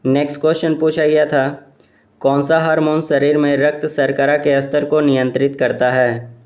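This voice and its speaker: A man reading exam questions aloud and explaining each answer in a steady, repetitive way. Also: mid-range voice. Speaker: exam quiz presenter.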